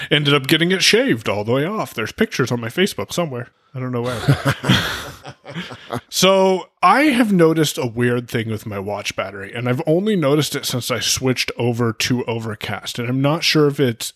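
A chatty man co-hosts a laid-back tech podcast and laughs easily. His voice sits at a middle pitch. The sound is dry and close to the mic. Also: fairly bright tone, dry recording. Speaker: podcast co-host. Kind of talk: casual chat.

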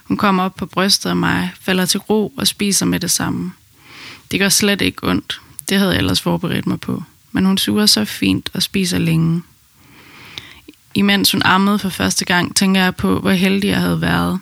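A woman calmly narrating her own birth story in the first person, in an intimate storytelling manner. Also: on the low side, creaky, dry recording.

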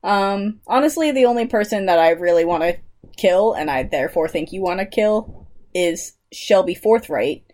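A woman's voice: mid-range voice, animated, moderate pace, darkish tone. A young woman co-hosting a podcast, chatting casually, laughing often and reading out trivia. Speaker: podcast co-host. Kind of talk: casual chat.

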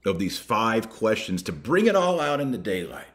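A very animated religious podcast host with a deep, low-pitched voice exhorts his audience emphatically. He is preachy, pausing dramatically and repeating lines for weight, with colloquial phrases sprinkled throughout.

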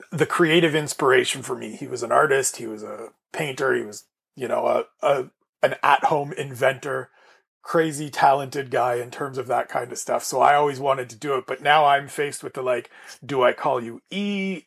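A man's voice: medium pitch, vocal fry, husky. A man from Canada hosting a casual podcast chat, talking in a rambling way with restarts. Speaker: podcast host.

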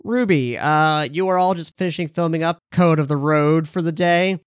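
A man narrating and running a tabletop role-playing game in a relaxed, conversational way. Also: a little high, clear, resonant tone, no echo, studio quality. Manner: relaxed, conversational narration with quick voiced asides. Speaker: game master.

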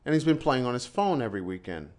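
A man's voice: medium pitch, big pitch swings, quick pace, a little mellow. A man who teaches English in China, telling a story in casual chat with a ranting, exasperated manner. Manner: exasperated storytelling rant, repeats himself.

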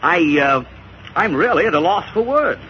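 A stagey, poetry-loving gentleman prospector of a vintage radio space serial. His delivery swoops with florid flourish. The old recording is dull and faintly noisy. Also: high voice, expressive, moderate pace. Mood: gleeful, florid. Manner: florid, theatrical. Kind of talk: 1950s radio adventure acting.

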